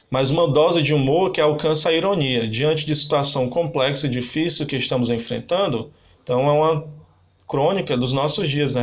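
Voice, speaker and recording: A man's voice: medium pitch, dull audio. A man teaching a lesson on figures of speech, explaining step by step and often checking in with tag questions.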